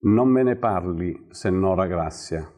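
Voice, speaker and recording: A tired, worried village mother, voiced by a man reading aloud. The delivery stays slow and dark, with a husky grain. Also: sits low. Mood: complaining. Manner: complaining, weary. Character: poor weary village mother, worried about her son. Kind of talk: storybook reading.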